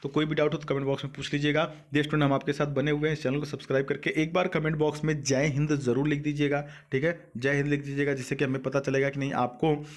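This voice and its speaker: A man's voice: on the high side, little pitch movement, quick pace, hardly any pauses. A young adult man teaching a vocabulary lesson online, mixing Hindi with English, repeating key words and asking questions he answers himself. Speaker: exam coaching teacher.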